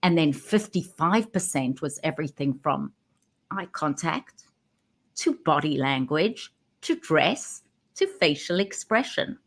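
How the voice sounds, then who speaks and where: Woman, communication coach, low voice, emphatic, pauses for effect. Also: sing-song. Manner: emphatic, stresses key words with pauses. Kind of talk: direct-to-camera talk. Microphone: webcam.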